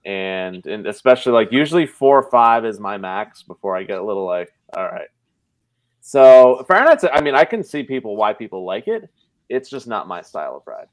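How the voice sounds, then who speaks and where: A man's voice: lowish voice, very animated, normal speed. A man chatting casually as a podcast guest, giving his opinions in a conversational, explanatory way.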